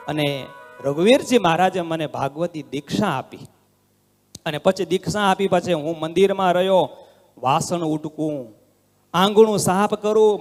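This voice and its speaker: High-voiced man preaching in reverberant hall. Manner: dramatic delivery, swinging between loud exclamations and hushed lines. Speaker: swami giving a religious discourse. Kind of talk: devotional storytelling sermon. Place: devotional hall. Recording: long hall reverb with faint instrumental music.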